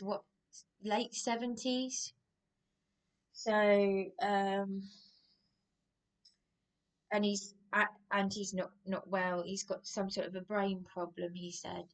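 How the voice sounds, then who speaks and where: A woman's voice: medium pitch, fairly even intonation, slow pace, long pauses. A woman in an emotional, rambling monologue, agitated and repeating herself. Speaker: vlogger.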